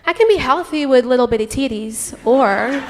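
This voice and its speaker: Her voice sits high and is expressive as this young stand-up comedian from Portugal, a native Portuguese speaker, fires off brash, crude punchlines and quick crowd asides into a handheld mic. It's a live club recording with long reverb, and the audience can be heard laughing and chattering.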